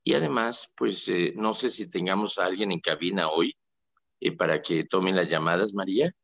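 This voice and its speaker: A man, a priest, speaks on his radio show in a low voice while ill and in pain. He wanders through folksy stories with many fillers and pauses. The sound is dry and a little dull and lo-fi. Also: creaky, a bit bright, dry recording. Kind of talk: casual spoken reflection on a radio show.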